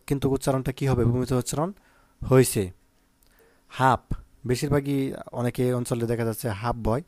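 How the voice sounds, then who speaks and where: A man teaching students in a plain, dry recording, walking them through exam answers. He keeps checking in with them and fills his pauses with "uh" sounds. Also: mid-range voice, warm tone, dry recording. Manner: asks "ঠিক আছে?" often, with many "আহ" fillers. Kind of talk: exam prep lesson.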